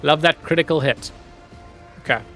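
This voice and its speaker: Talking to his chat as he plays, a Zimbabwean streamer stays easygoing and laughs often. His fairly high voice is bright and forceful at a normal speed, set against faint background music.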